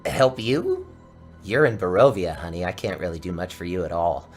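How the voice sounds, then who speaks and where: A man's voice: low voice, animated, normal speed. A man voicing a tiny, curious gnome with a frank, familiar, campy manner in a tabletop game, with music behind. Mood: dry.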